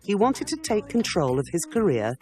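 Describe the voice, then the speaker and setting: Measured male documentary narrator. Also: high voice, sing-song, a little mellow, soft background music. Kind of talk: scripted narration.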